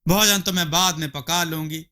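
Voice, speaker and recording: A man voicing a lazy, greedy village wife in a storybook tale, with a whiny, excitable manner. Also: a little high, normal speed, smooth. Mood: delighted.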